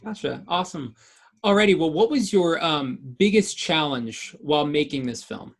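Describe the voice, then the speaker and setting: A man's voice: on the high side, lively intonation, moderate pace, gravelly. A young man, a film student, hosting a festival Q&A in an upbeat manner with casual fillers. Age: young adult. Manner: upbeat, repeats fillers like "awesome" and "alrighty".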